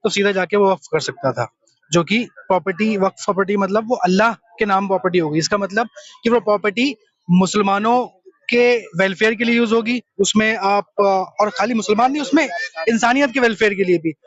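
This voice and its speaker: A young man with a very high voice speaks earnestly in a street interview and explains his view point by point. His speech is dry and close, with a dull, lo-fi sound. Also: a little fast, a bit bright, dry recording. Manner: earnest, explanatory, mixes English terms.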